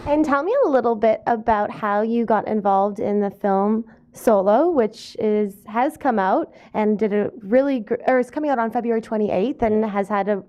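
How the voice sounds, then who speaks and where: Mellow-voiced woman interviewer. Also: a little high, normal speed, few pauses. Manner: friendly, asks long run-on questions. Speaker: interviewer host. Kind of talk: interview questions.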